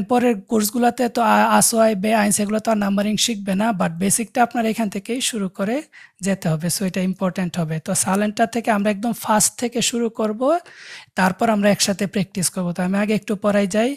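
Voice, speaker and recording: A woman teaches a language class online, talking over a video call. Her voice sits at a medium pitch. She spells out each word letter by letter, then leads the students through drills where they repeat after her. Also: steady tone, quick pace.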